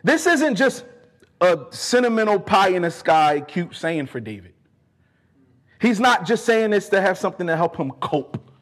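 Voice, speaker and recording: Male preacher, fervent and emphatic, fairly high-pitched and very animated, leaning on repeated phrases as he expounds scripture. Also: moderate pace. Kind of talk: sermon with scripture exposition.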